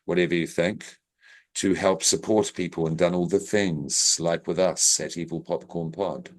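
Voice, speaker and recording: Deep-voiced jokey podcast host. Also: male voice, normal speed. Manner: jokey, rambling, bursts of excited loudness. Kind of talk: casual podcast sign-off chat.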